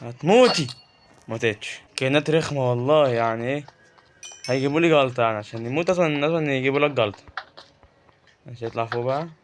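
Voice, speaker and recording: Talking very fast at a medium pitch, this Egyptian-accented gaming YouTuber jokes his way through a Let's Play. He keeps answering the game's creatures as he plays, and a slight hiss or hum sits under the recording.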